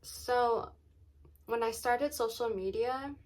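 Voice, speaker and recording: A woman chatting casually in a vlog, often saying "like" and "um" and pausing to think aloud. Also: on the high side, a little mellow. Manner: says "like" and "um" very often as filler; halting, thinking aloud, trailing off mid-sentence. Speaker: vlogger.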